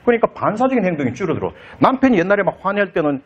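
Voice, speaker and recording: A man giving an animated counseling lecture at a conference, acting out quoted lines in different voices. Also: sits high, rapid-fire, dull audio. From South Korea. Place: lecture hall.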